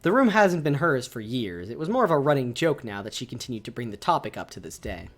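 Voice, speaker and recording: A male streamer reads a visual novel aloud to his viewers. He breaks off to react to the choices with excited exclamations, his pitch swinging widely. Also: fast, faint music behind. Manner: animated, exclaims and reacts while reading.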